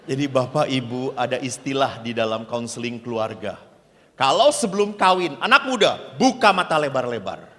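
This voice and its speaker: Priest guy telling funny stories in a sermon, bright lively voice, long hall echo. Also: medium pitch, normal speed. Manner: lively storyteller who acts out dialogue. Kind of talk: humorous retreat sermon. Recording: reverberant hall.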